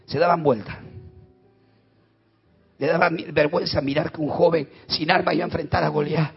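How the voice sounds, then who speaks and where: A man with an Argentine accent preaching a sermon, telling stories dramatically and swinging between loud and quiet. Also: a little high, fairly even intonation, moderate pace, breathy edge, dull audio. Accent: Argentine Spanish. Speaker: pastor.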